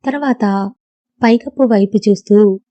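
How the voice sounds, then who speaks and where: A woman narrating a novel as an audiobook, reading in a steady, measured way. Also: medium pitch, no room sound, highs cut off.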